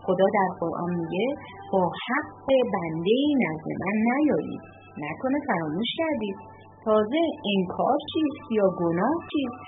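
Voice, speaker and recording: A woman voicing a calm, wise male dervish who speaks in a measured way, on a narrow phone-like recording with music behind. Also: medium pitch, close to an everyday voice.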